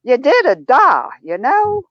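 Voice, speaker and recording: An older woman talking as an interview guest, animated and acting out the remarks she quotes in shifting tones. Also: high-pitched, slow, dry recording, muffled recording. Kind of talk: casual interview talk.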